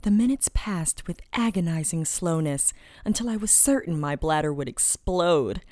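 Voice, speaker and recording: A woman narrating a first-person story in a dramatic, expressive reading, often dropping into a hushed whisper mid-sentence. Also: fairly low pitch, normal speed, no echo, clean studio sound.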